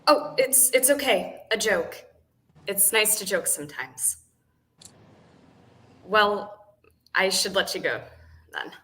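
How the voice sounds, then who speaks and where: A woman's voice: mid-range voice, animated, slow pace, pauses often. An actress playing a blind woman calling a help app, who makes dry, teasing jokes. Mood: wry. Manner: wry, teasing, gently joking. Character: blind woman caller, wry and warm-humored. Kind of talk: stage play performed over video call.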